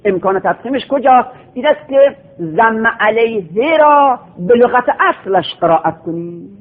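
Male teacher, high voice, classroom lecture style, drills word forms in repeated lists; tinny, phone-like sound. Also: animated. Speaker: teacher of Quranic recitation and Arabic grammar.

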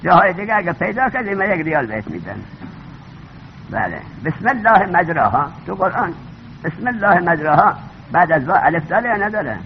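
An older man giving a classroom lecture as a seminary teacher, animated and conversational, mixing anecdotes into the lesson. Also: high voice, vocal fry, highs cut off, slight background noise. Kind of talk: classroom lecture on Arabic grammar.

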